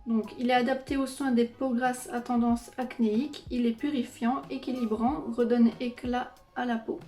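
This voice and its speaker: A woman beauty vlogger talks through her skincare routine in a relaxed, chatty way, stringing thoughts together with fillers. Her voice sits a little high but stays mellow and even. The room around her is echoey, with soft music in the background. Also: normal speed. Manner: chatty, many fillers and "donc". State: pregnant. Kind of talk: casual product review.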